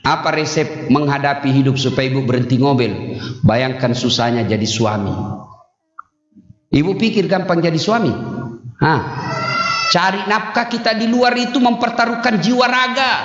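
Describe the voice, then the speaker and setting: A man's voice: a little high, moderate pace, pauses often, fairly bright tone. A middle-aged man preaching a humorous sermon, joking and quizzing his audience. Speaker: Islamic preacher. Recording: echoey hall, dull sound.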